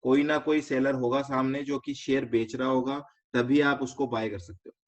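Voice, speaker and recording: A man's voice: mid-range voice, steady tone. A man with an Indian accent teaching a finance lesson step by step, quizzing students and mixing in English terms. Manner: explains step by step, asks students quick check questions; mixes English terms into explanation. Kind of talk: online class lecture. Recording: slightly dull lo-fi recording.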